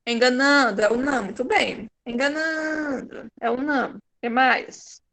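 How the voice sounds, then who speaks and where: Bright high-voiced Brazilian woman teacher. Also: moderate pace, gravelly. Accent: Brazilian Portuguese. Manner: patient, encouraging, praises pupils by name. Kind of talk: online class lesson.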